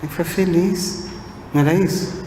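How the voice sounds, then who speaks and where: A Brazilian man giving a spiritist lecture, posing one rhetorical question after another and sometimes speaking softly to a single listener. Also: high voice, fairly even intonation, moderate pace. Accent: Brazilian Portuguese. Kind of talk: sermon-like lecture. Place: spiritist center hall. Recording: echoey hall with faint background noise.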